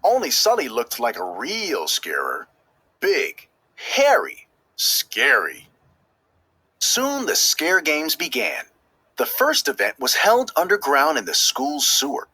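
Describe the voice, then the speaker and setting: Reading a children's storybook aloud from a script, a man narrates slowly in a fairly high, very animated voice with a slightly husky edge. He is expressive and emphatic, leaning on key words as the tale unfolds.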